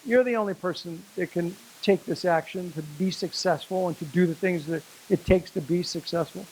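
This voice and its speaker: A man giving a motivational speech and telling a story to a business audience, slowing down for emphasis. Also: sits high, a little mellow, slight background noise, rough recording. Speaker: speaker at a business networking event. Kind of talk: motivational speech with a told joke.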